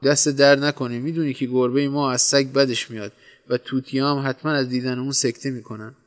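A man's voice: mid-range voice, level tone, long reverb tail, close to an everyday voice. A man voicing an exasperated wife who scolds her forgetful husband in a storybook reading. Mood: sarcastic. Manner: shrieking, scolding.

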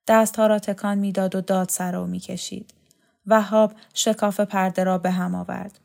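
Flat, gravelly woman narrating a story. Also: medium pitch. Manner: calm, measured reading with brief acted dialogue. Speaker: audiobook narrator. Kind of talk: scripted literary narration.

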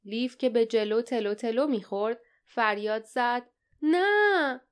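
A woman narrating an audiobook in a steady, dramatic storytelling style. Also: fairly high pitch, clear, resonant tone. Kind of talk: scripted narration.

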